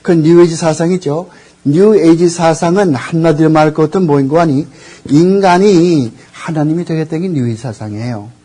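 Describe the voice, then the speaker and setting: An older man gives a classroom lecture on theology, rambling, searching for words and quizzing his audience. His voice sits on the high side with a dark, breathy tone.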